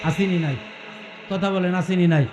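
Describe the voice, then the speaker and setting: A man's voice: high-pitched, fairly even intonation, normal speed, darkish tone, roomy sound, soft background music. A male preacher telling a story in a sermon, calling out questions to the crowd and breaking into melodic chanting.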